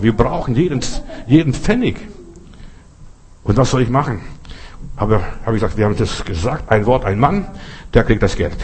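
A middle-aged pastor who isn't a native German speaker preaches earnestly, sharing personal stories and repeating phrases for emphasis. His mid-range voice is a little mellow.

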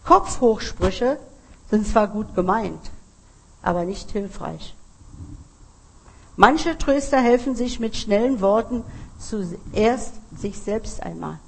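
A woman preacher delivers a sermon, turning to her listeners directly. Her delivery is slow and measured, and her voice is gravelly and husky. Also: medium pitch, animated, low-quality recording. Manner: addresses the congregation directly, earnest.

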